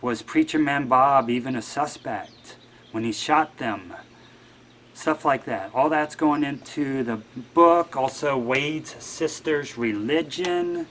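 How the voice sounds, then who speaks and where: Guest-hosting a show, a man delivers a rambling, wry, offhand monologue at a slow pace. His medium-pitched, fairly bright voice swings widely in pitch, with slight background noise.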